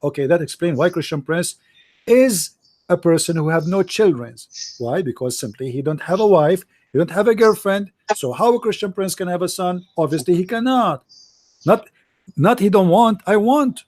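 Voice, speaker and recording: A native Arabic speaker with an Arabic accent hosts a call-in religious debate, arguing emphatically in repetitive, non-standard English. His voice is high and animated with a darkish tone, and he speaks at a moderate pace. The recording is dry.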